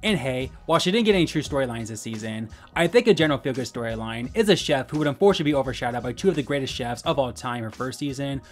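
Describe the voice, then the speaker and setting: A man hosts a scripted video essay at a quick clip. His pitch sits in the middle range, and faint music plays behind his narration. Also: lively intonation. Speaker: host.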